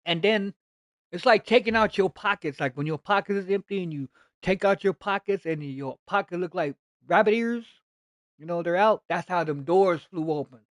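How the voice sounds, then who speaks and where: A man's voice: high voice, normal speed, dry recording. A gaming streamer telling a story from his life in a casual, blunt way, swearing often. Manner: animated, blunt, heavy swearing.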